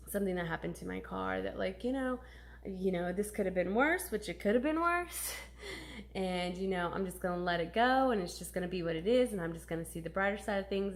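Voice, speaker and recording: A woman's voice: fairly low pitch, vocal fry. A woman in her thirties talking candidly and emotionally in a personal vlog, swearing casually as she confides. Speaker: vlogger.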